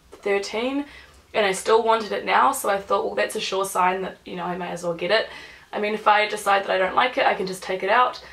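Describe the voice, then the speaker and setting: A woman's voice: mid-range voice, a bit bright, low-quality recording. Young New woman, stuffy cold voice, easygoing beauty vlogger talking through her makeup. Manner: chatty, rambling, self-deprecating asides. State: nasal from a cold. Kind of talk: chatty get-ready-with-me vlog.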